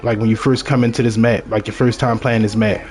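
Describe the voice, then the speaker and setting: A man's voice: fairly low pitch, little pitch movement, a little fast, darkish tone. A man from Baltimore with a strong local accent, chatting casually to viewers as he narrates his own video game session in a rambling way. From Baltimore, Maryland. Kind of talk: casual gameplay commentary.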